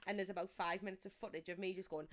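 A woman's voice: medium pitch, steady tone, very fast, background noise. A young woman, casually telling childhood stories and often laughing mid-sentence. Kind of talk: casual chat.

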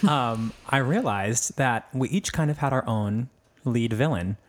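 A man hosting a podcast in a casual chat, cheeky and full of quick jokes. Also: mid-range voice. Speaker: podcast host.

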